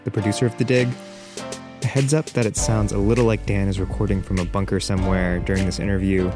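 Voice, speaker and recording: A man giving a casual announcement to listeners as a podcast producer. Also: on the low side.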